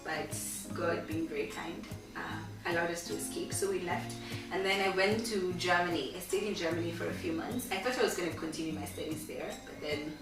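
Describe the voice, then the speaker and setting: A young Kenyan woman with a slightly low voice talks casually as a guest, candid and animated. The room rings with heavy echo and she sounds distant from the mic. Music plays clearly behind her. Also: fairly quick, few pauses. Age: 20s. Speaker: guest, medical student. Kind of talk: casual chat interview.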